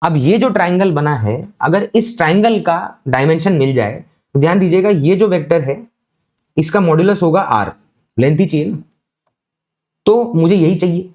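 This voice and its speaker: A man giving a physics lecture, explaining slowly and deliberately and often checking that students follow. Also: on the high side, animated, a little mellow. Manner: slow, deliberate explaining with frequent check-ins. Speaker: physics teacher.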